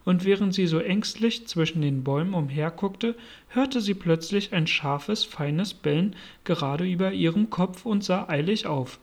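A man narrating a storybook as an audiobook reader, in an even, measured way. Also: high voice.

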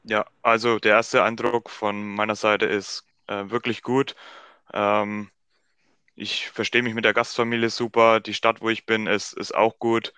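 Flat-voiced calm man in his twenties. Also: lowish voice, measured pace, clean tone, dry recording. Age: 20s. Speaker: podcast guest. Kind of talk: casual podcast chat.

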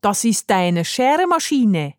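A woman doing a gentle old grandfather. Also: medium pitch, unhurried, no echo, clean studio sound. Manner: calm, soothing, relishing.

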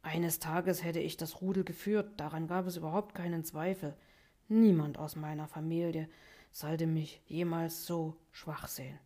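A woman's voice: little pitch movement, measured pace, dark tone. A woman voicing a proud, injured young male wolf in a storybook reading, brooding and terse. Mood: scornful. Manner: brooding, terse, low-spoken.

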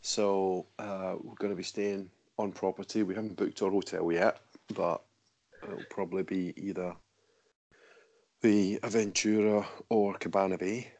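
A man with a Scottish accent, chatting casually as a podcast guest in a relaxed, measured way. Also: low-pitched. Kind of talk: casual chat.

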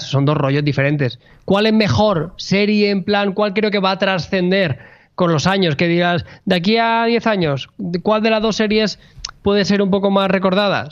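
A man's voice: on the high side, dull audio. A man from co-hosting a podcast, in casual, emphatic chat with jokingly over-acted enthusiasm. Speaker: podcast co-host.

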